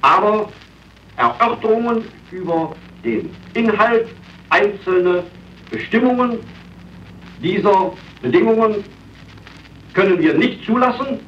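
A military officer giving a formal, stern statement, heard on an old archival recording. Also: male voice, sits high, a little slow, long pauses. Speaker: military officer reading terms. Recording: distant, muffled old recording with hiss.

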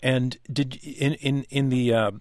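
A man with a smooth radio host delivery, hosting a call-in show and bringing callers on the air. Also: medium pitch, level tone, a little slow, darkish tone, no echo, clean studio sound.

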